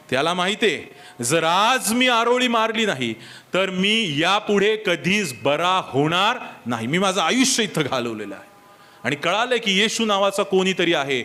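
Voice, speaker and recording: A man preaches at a church service in a high, ringing voice. He presses his points with rhetorical questions and repeated reminders to the congregation. Now and then he switches into English to drive a point home. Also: pushed and bright. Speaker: pastor. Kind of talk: sermon.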